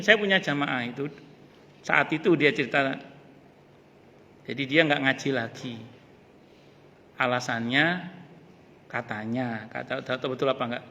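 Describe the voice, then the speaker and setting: Bright-voiced man lecturing in a mosque. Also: medium pitch, a little hiss or hum. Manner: lively, joking asides, repeats key phrases. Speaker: ustadz teaching a mosque study group. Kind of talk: casual religious lecture. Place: mosque hall. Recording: long hall reverb.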